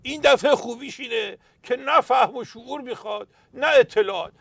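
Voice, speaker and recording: A man's voice: extremely high pitch, creaky, fairly bright tone, no room sound. A man playing a satirical pundit, telling anecdotes with punchlines and emphatic outbursts. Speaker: satirical pundit character "Doctor". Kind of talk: scripted political satire sketch.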